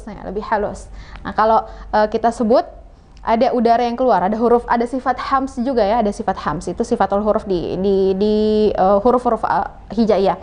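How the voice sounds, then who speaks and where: Female Quran teacher for a TV lesson, slightly high voice, patient, slow repeated demonstrations. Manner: patient, demonstrating sounds slowly and repeating them. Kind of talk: televised religious lesson.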